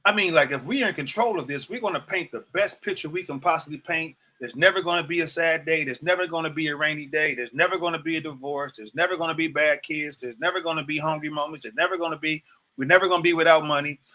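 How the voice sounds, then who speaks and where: A man's voice: on the high side, fast, sharp tone. A man in his fifties hosting a livestreamed motivational talk, preaching to viewers, repeating phrases and asking them questions directly. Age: 50s. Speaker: host.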